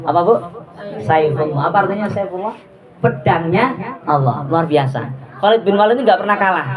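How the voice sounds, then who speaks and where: A woman giving a religious talk to a group of women, lively and chatty, often asking her listeners questions. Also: fairly low pitch. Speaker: religious teacher. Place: prayer gathering hall with audience. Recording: audience murmur behind.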